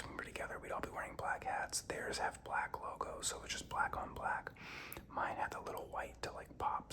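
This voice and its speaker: A young man hosts ASMR, sharing casual stories in a breathy, halting whisper with a touch of creak as he chews gum.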